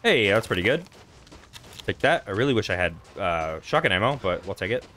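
Excitable cursing gaming commentator, man. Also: on the low side, a little fast, slight background noise. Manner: expressive, profane, excitable. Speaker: gaming streamer. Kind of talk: casual let's-play commentary.

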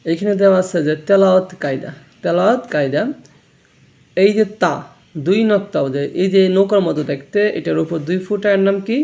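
A man's voice: high-pitched, a little fast, vocal fry, mellow, highs cut off. A man teaching a Quran reading lesson, explaining how letters are pronounced and repeating each sound for learners to copy. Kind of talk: slow spoken lesson on letter pronunciation.

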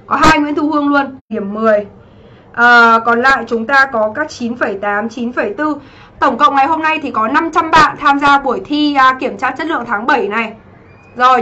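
A woman English teacher from Vietnam going over exam answers in a livestream, lively and often checking that students follow. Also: sits high, muffled recording. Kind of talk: livestream exam review lesson.

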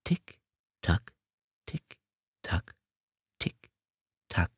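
A man's voice: no room sound, clean studio sound. A man reading an audiobook, voicing a menacing male killer who taunts his victim over the phone. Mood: mocking. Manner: taunting, slow and sneering.

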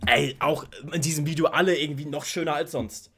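A man reacting casually to a rap music video, excited and slangy, humming melodies along, with faint music behind him. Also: a little high, brisk. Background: rap music playing faintly.

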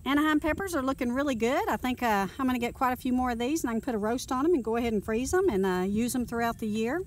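A woman's voice: fairly high pitch, animated, quick pace, poor audio. A middle-aged woman, chatting casually to viewers in a vlog as she walks around her rural garden and yard, filming on a phone. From North Texas. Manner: chatty, folksy, talks straight to viewers while working outdoors. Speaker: gardening vlogger. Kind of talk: casual vlog walk-through. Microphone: phone camera held or close by. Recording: outdoor wind and yard noise.

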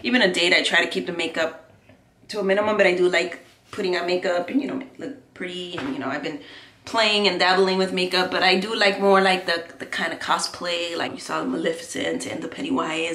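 Woman vlogger with a bright, sharp tone, rambling and candid while getting ready; echoey home room, faint hiss. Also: fairly low pitch, fairly even intonation, fairly quick. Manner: rambling, candid, talks while doing makeup. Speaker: beauty vlogger. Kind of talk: casual get-ready-with-me chat. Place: home, indoors.

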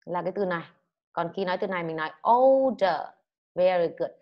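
With lively intonation and a fairly quick pace, a Vietnamese woman in a fairly low voice teaches children English online. She explains terms and loudly has pupils repeat after her, and the audio is dull.

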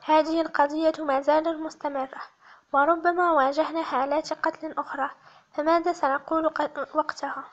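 A woman narrator voices a polite male police officer with his doubts in this audiobook. He answers quickly and politely. The voice is high and the recording a little dull. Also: flat delivery, lightly acted. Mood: doubtful. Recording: slightly muffled lo-fi audio.

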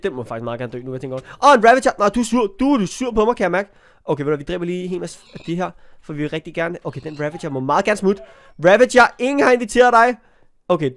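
Young guy with a cold, higher voice, chatting thru a minecraft let's play, yelps when stuff attacks. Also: clean tone. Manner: chatty, talks to the game animals, yelps when startled. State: has a cold. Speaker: gaming YouTuber.

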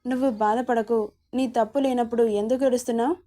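A woman's voice: fairly high pitch, fairly even intonation, quick pace, mellow, natural voice. A woman voicing a caring middle-aged mother who soothes her crying daughter. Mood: soothing. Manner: soothing, worried.

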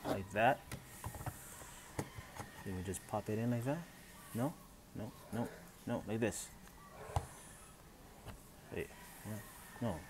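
A man's voice: on the low side, takes it slowly, long pauses, noisy background. A man hosting a casual unboxing vlog at home, thinking aloud as he goes, recorded on a phone. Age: adult, father of three. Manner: thinks aloud, unsure and chatty. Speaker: channel host. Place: home room with Christmas tree. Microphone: phone camera.

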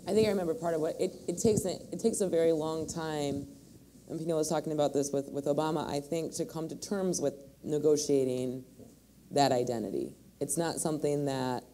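Warm-voiced woman panelist, thoughtful. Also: low-pitched, fairly quick, slight background noise. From Michigan. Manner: thoughtful, searching, many restarts. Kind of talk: panel discussion. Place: large hall on a stage.

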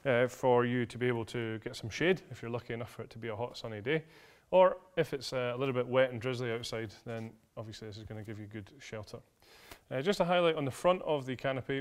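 A man in his thirties giving a product demonstration in an indoor studio, explaining features in a friendly way with frequent "uh" fillers. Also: medium pitch. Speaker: product presenter. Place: large indoor studio with a tent.

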